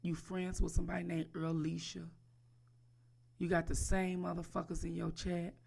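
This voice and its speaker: A woman's voice: lowish voice, level tone, moderate pace, vocal fry, a little mellow, husky. A woman delivering a profane, taunting roast on a livestream, crude and mocking, repeating her target's name again and again.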